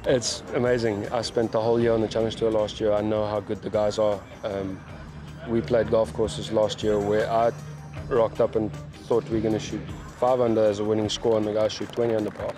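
Flat, lowish South African man, interviewed. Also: a little fast. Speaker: professional golfer. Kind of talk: post-win interview. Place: outdoors at a golf event, before a sponsor board. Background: music.

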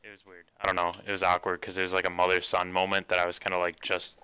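A young man with a deep, low voice co-hosts a casual podcast. He speaks in a low-key way and often lets his sentences fade off quietly. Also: monotone, fast talker, smooth. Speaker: podcast co-host. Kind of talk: casual chat.

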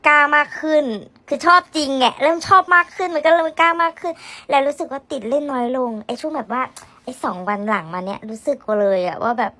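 A woman vlogger chatting casually to viewers, gossipy and blunt, with rough slang and frequent laughter. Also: high-pitched, quick pace, sharp tone. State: tired, red-eyed. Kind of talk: casual chat.

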